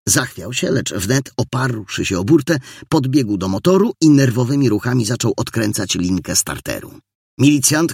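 Male audiobook narrator, low and gravelly, lively delivery. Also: no room sound, studio quality. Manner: expressive, animated reading.

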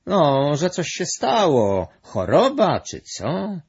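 A small male creature from a storybook who complains in a high, plaintive voice, put on by a man reading aloud. The voice is husky and swings up and down. The recording is dull and lo-fi. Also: huge pitch swings, moderate pace, fairly bright tone, full character voice.

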